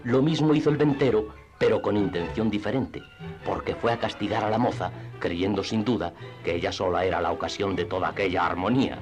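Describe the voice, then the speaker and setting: Over music, a husky-voiced man with fairly low pitch tells a classic tale as radio theatre narration, his delivery dramatic and measured.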